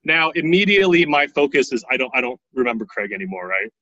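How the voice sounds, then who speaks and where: A man's voice: medium pitch, fast talker, dry recording, lo-fi sound. Guy in his 30s from taiwan, laid back storyteller, keeps saying right, dry dead sound. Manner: relaxed, often tags lines with "right?". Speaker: interview guest. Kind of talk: casual storytelling.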